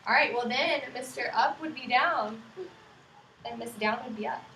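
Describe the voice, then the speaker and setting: A young woman with a slightly high voice reads a picture book to small children at a moderate pace, working as a student teacher who asks simple questions in an encouraging, affirming tone. The classroom setting sounds echoey, with a distant mic and clear background noise.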